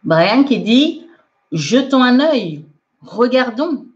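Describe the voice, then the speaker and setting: Woman teaching english on a livestream, slow and chatty, laughs a lot, kinda muffled lo-fi sound. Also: on the high side, very animated. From France. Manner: unhurried, chatty, laughs often, mixes French and English. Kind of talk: live online lesson, reading viewer comments. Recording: dull lo-fi livestream audio.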